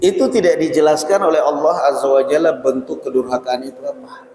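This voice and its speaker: A man with an Indonesian accent giving a lively sermon at a mosque study session, acting out parents and children in quick asides. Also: fairly high pitch, a little hiss or hum. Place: mosque hall. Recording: echoey mosque hall with long reverb.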